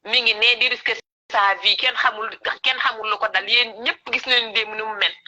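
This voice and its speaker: Senegalese caller, woman, on speakerphone, sharp tense voice, insistent and repetitive. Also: a little high, fairly even intonation, moderate pace. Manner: insistent, repeats phrases for emphasis. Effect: phone call played over a speakerphone. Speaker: caller on a live stream. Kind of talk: impassioned political call-in.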